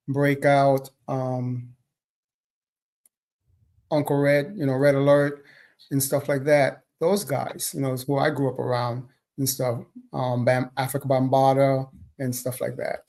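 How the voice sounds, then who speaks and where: A man from Jamaica, a DJ guest answering interview questions in a laid-back, measured way. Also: medium pitch, darkish tone.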